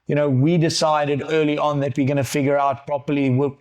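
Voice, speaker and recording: A man's voice: on the high side, flat delivery, brisk, a little mellow. A man with a South African accent, an MMA coach interviewing his fighter, who restarts and repeats words as he builds long questions. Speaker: MMA coach and podcast host. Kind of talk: podcast interview.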